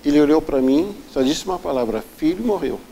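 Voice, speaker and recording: A man with a dark, mellow voice is interviewed and recounts a hard personal story. He tells it earnestly and vividly, often acting out the people he describes. Faint background noise runs under his voice. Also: fairly high pitch, lively intonation, fast, vocal fry, poor audio. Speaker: interview guest.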